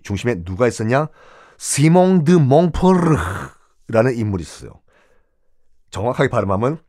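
A man's voice: mid-range voice, a little mellow. A man hosting a history podcast, telling stories in a conversational way and asking and answering his own questions. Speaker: history storyteller podcast host. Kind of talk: animated history storytelling.

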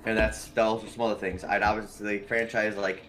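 A man's voice: on the low side, little pitch movement, a little fast, fairly bright tone, slight background noise. A man co-hosting a casual podcast, telling rambling stories full of swearing. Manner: profane, rambling storyteller. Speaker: podcast co-host.

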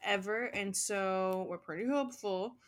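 Young woman, mid pitch; earnest, reassuring casual host. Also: unhurried. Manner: earnest and reassuring, talks the listener through steps. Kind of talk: casual chat.

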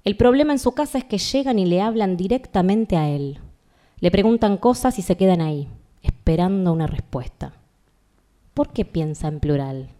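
Woman reading fiction aloud, fairly low voice, mellow tone, calm and measured. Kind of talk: reading a literary fragment aloud.

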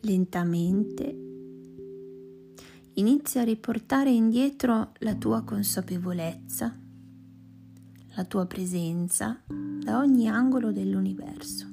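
A woman leading a guided meditation in a slow, soft voice that often sinks to a whisper. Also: medium pitch, vocal fry. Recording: music playing behind voice. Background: plucked guitar music.

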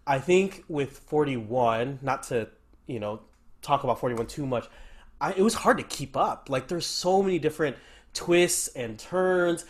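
Male podcast guest, mid-range voice, conversational, keen and talkative fan energy. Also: mid-range voice. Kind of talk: casual podcast chat.

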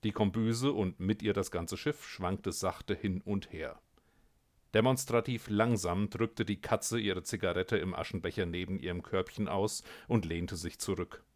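A man reading his own short story aloud in a wry, relaxed way. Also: deep voice, measured pace.

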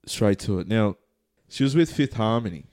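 A man's voice: fairly low pitch, expressive, normal speed, darkish tone. A man co-hosting a casual comedy chat, joking and teasing and often laughing. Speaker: podcast co-host.

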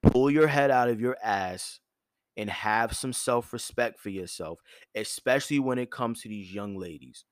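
A man's voice: mid-range voice, normal speed, no room sound, studio quality. Blunt, profane man lecturing firmly. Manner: firm yet soft tone. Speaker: host. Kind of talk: direct advice monologue.

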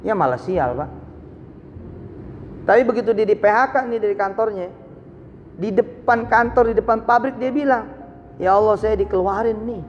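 A man preaching a live sermon, telling stories with sudden swings from low asides to high exclamations. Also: long reverb tail, highs cut off. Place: large hall, live event.

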